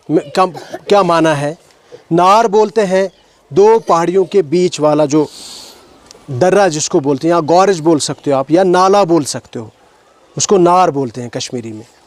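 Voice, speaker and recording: Kashmiri-accented male walk leader, fairly high pitch, talks to schoolchildren outdoors, explanatory, asks them questions. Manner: explanatory, asks questions of the children, mixes in English words. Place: outdoors at a stone heritage site.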